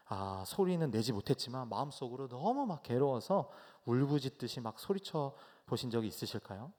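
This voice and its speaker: A man in his thirties preaching a sermon in a church, telling stories with sudden loud bursts and soft asides. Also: medium pitch. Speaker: pastor. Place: church sanctuary.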